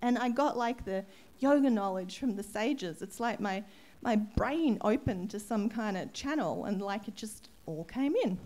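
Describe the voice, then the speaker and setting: Woman, yoga teacher, candid personal story, emotional, soft laughs, ashram gathering. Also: medium pitch, expressive, measured pace, hardly any pauses. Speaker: yoga teacher giving a satsang talk. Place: ashram hall.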